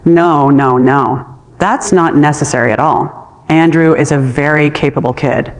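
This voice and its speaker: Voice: mid-range voice, unhurried, natural voice. Narrator voicing a stern rich father. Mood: placating. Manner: harsh, commanding. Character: wealthy father, stern businessman.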